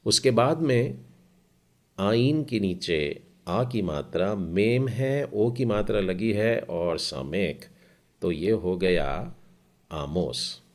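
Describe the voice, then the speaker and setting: A man with a fairly low-pitched voice teaches a Hebrew class, slowly and explanatorily spelling out letters and vowel marks one at a time.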